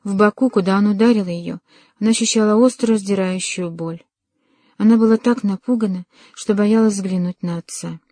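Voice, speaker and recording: Dark-voiced woman narrating an audiobook. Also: medium pitch, no echo. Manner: measured, dramatic reading. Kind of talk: scripted literary narration.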